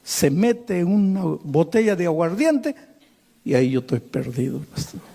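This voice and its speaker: A man's voice: fairly high pitch, big pitch swings, moderate pace, gravelly, mellow, pitched above the performer's own voice, full character voice. A man preaching, voicing a drunken man who cries and pleads in shame. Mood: tearful. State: crying. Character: drunken man, tearful and ashamed.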